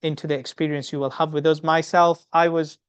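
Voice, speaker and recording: Middle-aged man from the UK giving a webinar talk. He speaks earnestly, with a smooth voice that is fairly high for a man, and he often repeats words as he thinks. The sound is dry, dull video-call audio. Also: flat delivery, brisk, no echo. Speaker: medical educator and academy speaker. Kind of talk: webinar presentation.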